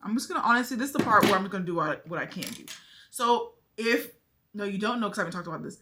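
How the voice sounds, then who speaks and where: A young beauty vlogger chats casually with her viewers while doing her makeup, thinking aloud as she works. Her medium-pitched voice is bright, animated and forceful, and she talks quickly. The recording has a little hiss or hum.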